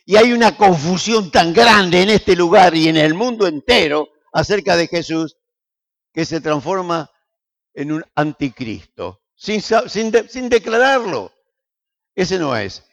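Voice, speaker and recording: An older man with a Rioplatense Spanish accent, a pastor giving an animated, joking sermon full of rhetorical questions. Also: high-pitched, creaky.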